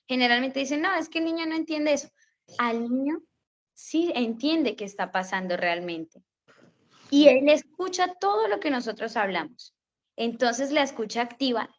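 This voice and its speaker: Woman teacher explaining, lo-fi audio. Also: on the high side. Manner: explains step by step, often checks with "¿sí?"; acts out gentle talk to small children. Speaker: early childhood teacher. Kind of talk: explanatory talk for a class assignment.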